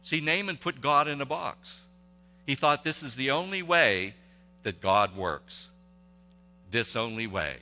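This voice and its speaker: A male pastor preaching a sermon in a conversational, halting way, with restarts and rhetorical questions. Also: medium pitch, expressive, pushed and bright. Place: church sanctuary. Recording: long reverb of a church hall.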